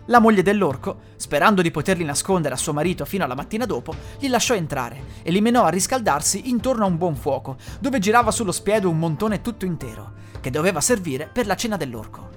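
An expressive storyteller reading a classic fairy tale aloud, with dramatic delivery. The voice moves through a wide range of pitch. Faint music plays underneath. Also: fast talker, few pauses.

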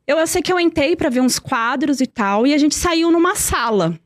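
A woman's voice: high voice, animated, moderate pace, no room sound, clean studio sound. A young woman telling a personal story in earnest, repeating words for emphasis. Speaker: guest.

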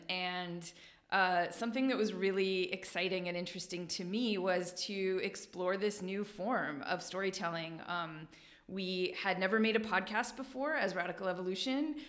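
A woman co-hosting a podcast chat, speaking in a friendly, relaxed way and passing the talk to others. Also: on the low side. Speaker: podcast co-host and theater producer. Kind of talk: casual video-call conversation. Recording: echoey room.

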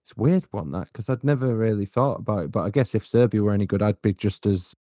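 Man, podcast host; low voice, dry close mic, chatty and teasing. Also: quick pace, warm tone, dry recording. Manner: chatty, hands the floor to others, teasing. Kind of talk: casual football podcast chat.

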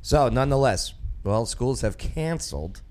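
A man's voice: medium pitch, animated, a little slow, darkish tone. A man with a New York accent hosting casual talk radio, rambling with lots of fillers and restarts. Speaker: radio show host.

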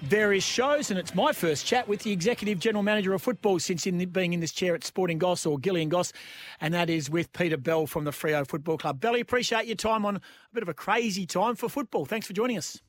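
An Australian man hosting a sports radio show, asking a guest questions in a brisk, conversational way. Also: sits high. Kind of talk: radio interview.

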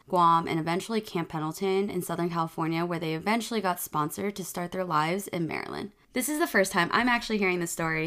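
A woman's voice: fairly low pitch, a bit bright. Young woman hosting a podcast. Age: young adult. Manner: upbeat, with frequent short backchannels. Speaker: podcast host. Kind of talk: podcast intro and interview.

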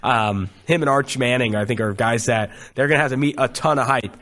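A man co-hosting a sports podcast, talking in a casual, animated way, swearing and laughing at the absurd. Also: medium pitch, fairly quick. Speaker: podcast co-host.

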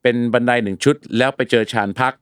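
A man's voice: mid-range voice, steady tone, quick pace, fairly bright tone, clear, resonant tone, no room sound, studio quality. A middle-aged man co-hosting a casual podcast as an English teacher, joking through mispronounced words. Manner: jokey, plays on mispronounced words.

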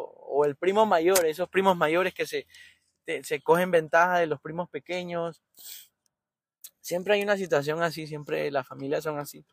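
A man's voice: fairly high pitch, vocal fry, no room sound, studio quality. A man in his thirties with a Honduran accent, giving an anxious, rambling running commentary from inside his car while waiting in line. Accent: Honduran Spanish. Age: 30s. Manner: rambling, anxious, thinking aloud. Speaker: podcast host.

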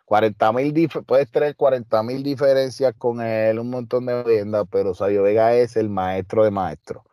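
Steady in tone and dark in color, this mid-range male voice moves at normal speed in a dry, clean studio recording. He's a Puerto Rican wrestler and trainer with a Puerto Rican Spanish accent, telling stories casually in an interview, emphatic and streetwise, with lots of fillers.

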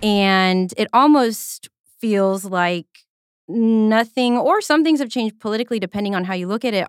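A woman's voice: medium pitch, dry recording, studio quality. Woman interviewer asking questions.

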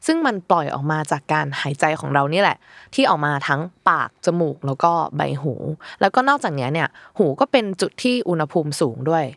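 A woman's voice: low voice, dry recording. A woman hosting a casual podcast, chatting and explaining facts with easy laughter. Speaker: host.

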